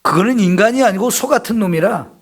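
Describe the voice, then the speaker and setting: A man's voice: high-pitched, expressive, fast talker. A middle-aged male pastor preaching an emphatic sermon in a church, acting out confessions in a raised voice.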